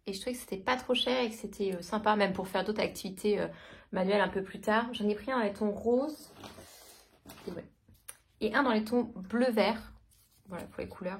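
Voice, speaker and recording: A woman's voice: mid-range voice, a little hiss or hum. A woman in her thirties chatting casually through a shopping haul, hesitant with many fillers. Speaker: vlogger. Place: home.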